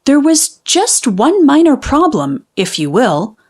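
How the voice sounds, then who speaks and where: Woman, children's book reader, very varied intonation, unhurried delivery, expressive storytelling, dramatic pauses. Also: high-pitched. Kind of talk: animated storybook read-aloud.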